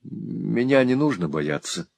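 Gentle young teacher in an audiobook, soft, low, gravelly edge, read by a man. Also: animated, a little slow, no room sound, exaggerated voice.

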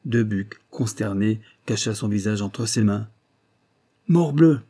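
A man narrating a classic novel in a steady, even reading voice. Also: lowish voice, a little slow. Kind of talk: audiobook reading.

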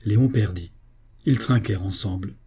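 A man narrating an audiobook in a steady, measured reading voice. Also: on the low side, slightly rough.

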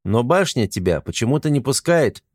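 A man reading an audiobook, voicing a calm male angel who speaks in measured, sorrowful reproach. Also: mid-range voice, no room sound, clean studio sound, voice pushed up.

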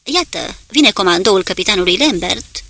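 Urgent sailor guy in a war audiobook, read by a woman, bright and a bit gravelly. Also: mid-range voice, expressive. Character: male sailor calling out in battle.

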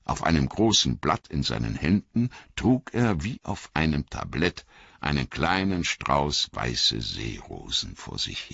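Very deep, gravelly male narrator. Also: dry recording, highs cut off. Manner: slow, expressive storytelling. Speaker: audiobook reader. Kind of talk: scripted narration.

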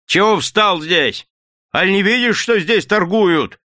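A man's voice: sits high, expressive, measured pace, no echo, clean studio sound, voice pushed up, full character voice. A man voicing a grumpy, bossy old yard-keeper in an audiobook reading. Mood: gruff. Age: older. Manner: gruff, shouting. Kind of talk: audiobook character voice.

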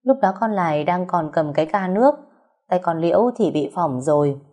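Woman voicing a calm older matriarch, measured, fair, soft and low, storybook.

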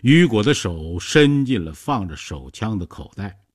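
A man narrates a story in a scripted, measured reading voice. His tone is slightly husky, and his pitch moves a lot, rising and falling through each sentence. He sounds like he is reading in a studio. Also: big pitch swings.

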